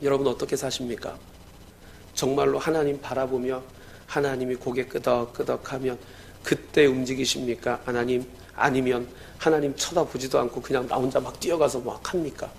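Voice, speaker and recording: A male pastor preaching a sermon, telling a story and swinging between loud exclamations and hushed lines. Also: mid-range voice, level tone, normal speed, creaky, a little hiss or hum.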